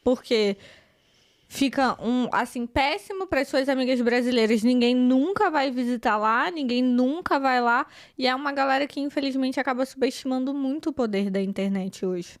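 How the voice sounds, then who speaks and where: A woman's voice: sits high, moderate pace, no room sound. Woman, podcast guest, earnest explainer, dry recording. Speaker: podcast guest, communication specialist. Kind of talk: conversational podcast chat.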